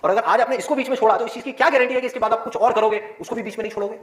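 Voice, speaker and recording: A male biology teacher giving a motivational talk to his students, with many rhetorical questions and a lively, persuasive manner. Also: very high-pitched, very fast, reverberant, noisy background.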